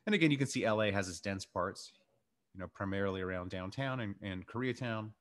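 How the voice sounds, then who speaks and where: A man's voice: lowish voice, fairly quick. A middle-aged man lecturing informally over slides, explaining things in a conversational way. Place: indoors in a warehouse.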